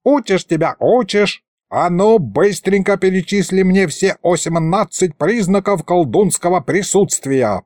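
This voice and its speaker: A cranky old wizard spirit bickers in a high, squawking voice, as a man reads him aloud. His scolding runs up and down wildly and sounds close and dry, like an audiobook read. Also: very animated, measured pace, darkish tone, no echo. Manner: shrieking, scolding, folksy.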